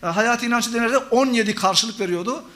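A man's voice: very high voice, fairly quick, pushed and bright. A middle-aged man, a professor, giving an academic conference talk, lecturing and listing examples for the audience. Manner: lecturing, addresses audience as friends, lists synonyms. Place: conference hall.

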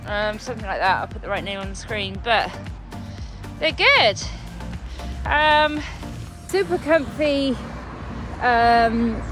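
Breathless woman vlogging a run. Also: a little high. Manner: chatty, rambling with fillers. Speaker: running vlogger. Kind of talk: casual vlog while running. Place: outdoors, cold night.

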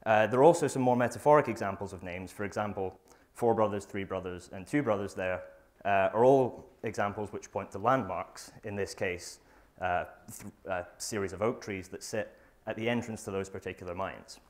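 A young man, a student presenter, delivers a research talk at an academic conference in a lecture theatre, using a lapel mic. His voice is slightly low, and as he reads from his notes he often stalls on fillers and starts phrases over.

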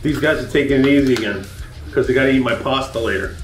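A man's voice: mid-range voice, fast talker, distant mic. Man, joking beer reviewer, roomy, heard from afar, faint music. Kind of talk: casual roundtable chat.

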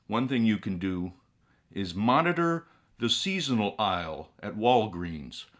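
A middle-aged man playing a ghoulish horror host, speaking in a drolly morbid, theatrical, drawn-out manner. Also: lowish voice, fairly bright tone. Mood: droll. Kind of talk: comic horror-host monologue to viewers. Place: small indoor room with collectible shelves.

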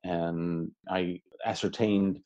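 Deep, mellow man speaking relaxed and articulate. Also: slow pace, lo-fi sound. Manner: articulate, relaxed and welcoming, occasional fillers. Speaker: podcast guest, education researcher. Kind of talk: reflective interview answers.

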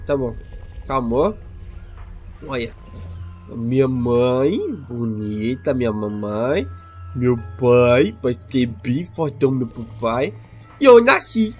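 A man's voice: medium pitch, lively intonation, slow, long pauses, breathy edge, soft background music. A man voicing a hungry, clingy newborn creature hatchling that whines and repeats its words in a game role-play. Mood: hungry, whiny.

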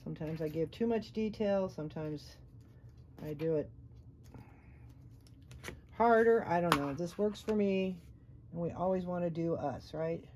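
A middle-aged woman talks through a sewing project in an unhurried, mellow voice. She is chatty and encouraging and narrates each step as she works. A faint hiss sits under the recording. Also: lowish voice. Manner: chatty, encouraging, thinks aloud while working. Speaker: sewing instructor. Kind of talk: casual sewing tutorial.

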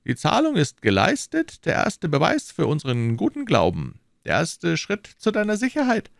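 A scheming persuader who talks down to his listener, coaxing and lecturing, as a man reads him in a raised, lively voice. The voice sits well above the reader's own and swoops about. It is a dry, close audiobook recording. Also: fairly high pitch, moderate pace, creaky, no room sound, voice pushed up, heavily acted. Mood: persuasive. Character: scheming smooth-talking man, cold persuader. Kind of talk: audiobook character voicing.

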